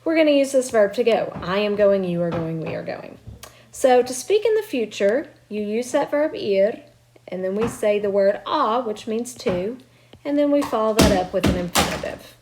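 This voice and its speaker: A woman teacher records a remote grammar lesson from her home. Her voice sits at an ordinary middle pitch for a woman. She explains each step patiently and keeps encouraging her students. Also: lively intonation, normal speed, a little mellow, slight background noise. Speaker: Spanish teacher. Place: at home with children nearby.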